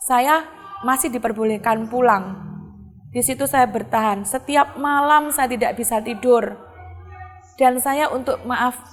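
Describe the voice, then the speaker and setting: Middle-aged woman telling her story slow and halting, kinda high voice, echoey room. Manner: earnest, halting, with many pauses and fillers. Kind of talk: personal testimony.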